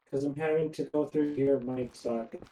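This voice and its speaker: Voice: medium pitch, warm tone, a little hiss or hum. A streamer chatting casually during a game with a friend, laughing often, with a robotic distortion on the voice. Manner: chatty, laughs often, fusses over tech trouble. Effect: robotic voice-chat distortion. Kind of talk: casual gaming chat.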